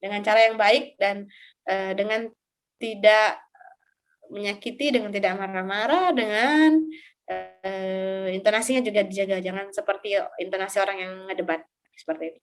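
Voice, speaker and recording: A woman's voice: medium pitch, faint music behind. A young woman teaching an online religious study class, talking casually and answering her own questions. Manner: recites Arabic text slowly for students to repeat. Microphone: voice recording.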